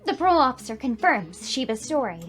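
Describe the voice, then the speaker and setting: A woman hosts a gaming video, voicing over gameplay with game music playing softly behind her. She reads the story narration expressively and adds emotive, reactive commentary, talking fast and very animated in a high-pitched, fairly bright voice.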